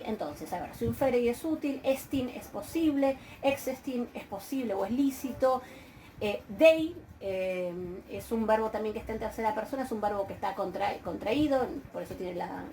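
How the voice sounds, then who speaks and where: This woman, a university Greek teacher, delivers a recorded online grammar lecture in an Argentine Spanish accent, patiently explaining with frequent hesitations and questions to check understanding. She has a fairly high but dark-toned voice. The rough recording carries a little hiss or hum.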